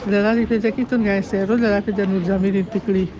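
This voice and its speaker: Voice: medium pitch, level tone, fast talker. Rambling street interview, dull lo-fi sound, crowd chatter and traffic behind. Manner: rambling, repetitive telling. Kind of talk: street interview recounting events. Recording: dull outdoor street recording.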